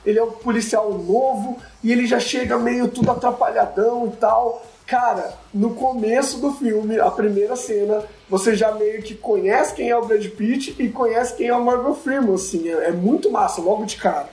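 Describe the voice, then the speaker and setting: A man's voice: sits high, steady tone, normal speed, few pauses, a little mellow. A man co-hosting a casual film chat, slangy and enthusiastic as he talks through scenes. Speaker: podcast co-host. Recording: roomy echo.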